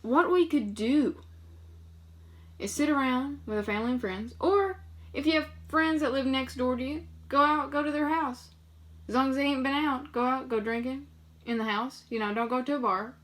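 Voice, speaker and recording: A woman's voice: high voice, normal speed. A young woman talking casually to her viewers, rambling through loose, profane stories full of fillers. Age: young adult. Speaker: vlogger.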